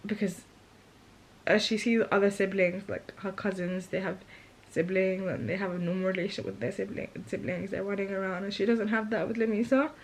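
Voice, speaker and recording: A woman's voice: mid-range voice, low-quality recording. Candid woman vlogger. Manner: chatty and candid, often laughing, with a catch of emotion. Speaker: vlogger and mother. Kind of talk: casual chat.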